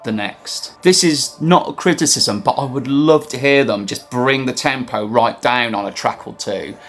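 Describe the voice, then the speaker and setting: A man reads a scripted album review for his vlog in a voice of middling pitch, keen and a little wry as he goes. His manner stays conversational, and faint music plays softly behind him. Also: moderate pace.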